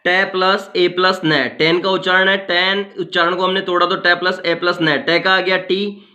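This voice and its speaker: Guy teaching phonetics, bright punchy voice, bit high, repeats the words over and over. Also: level tone. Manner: explains slowly and repeats words for drilling; mixes in English phrases. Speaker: English teacher. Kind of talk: phonetics lesson.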